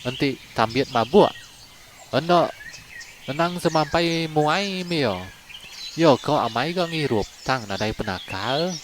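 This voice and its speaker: A man with a slightly high, expressive voice tells a long Iban folk tale slowly and conversationally as a channel storyteller, then urges listeners to like and subscribe. Background noise runs under the recording.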